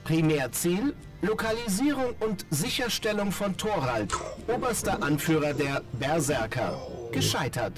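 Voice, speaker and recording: A man's voice: a little high, animated, measured pace. A man voicing a malfunctioning male combat robot that keeps reporting system errors in clipped, toneless machine reports, in a video game. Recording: distant game audio with music.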